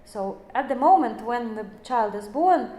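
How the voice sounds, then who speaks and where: A woman's voice: a little high, expressive, measured pace, dark tone. A woman in her forties giving an explanatory lecture, speaking English as a with many fillers and self-corrections. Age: 40s. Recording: echoey room.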